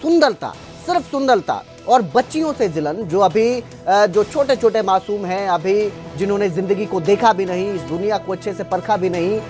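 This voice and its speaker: A woman's voice: medium pitch, darkish tone. A woman presenting breaking news in a dramatic, sensational and emphatic manner.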